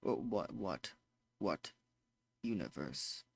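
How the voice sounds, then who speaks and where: Speaking slowly in a low, gravelly voice with a breathy edge, a man performs a damaged robot, heavily acted yet animated. The delivery is a glitching monotone in clipped machine phrasing, with words stuttering, breaking and repeating. The recording has no room sound.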